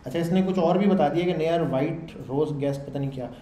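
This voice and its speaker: A man, lecturing a class loudly in a conversational way and often checking in with the students. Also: on the high side, moderate pace. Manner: loud, conversational teaching with frequent check-ins to the class. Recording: echoey room with faint background noise.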